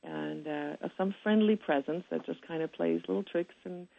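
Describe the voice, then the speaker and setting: A woman's voice: lowish voice, moderate pace, vocal fry, a little hiss or hum. A woman from Germany, a restaurant owner, telling stories as a guest in a radio interview over a phone line. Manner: warm storytelling with frequent laughs.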